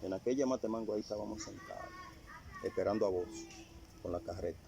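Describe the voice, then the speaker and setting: An older man recounting a personal testimony in casual storytelling, halting and repeating phrases as he remembers. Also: lowish voice, gravelly, background noise. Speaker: interviewee sharing a testimony.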